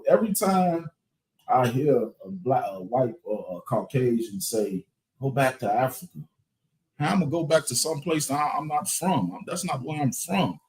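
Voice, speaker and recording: A man co-hosting a live talk show, making animated, heated religious commentary. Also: mid-range voice, moderate pace, husky, rough recording. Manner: animated, loops "you know what I'm saying", agrees loudly. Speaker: podcast co-host.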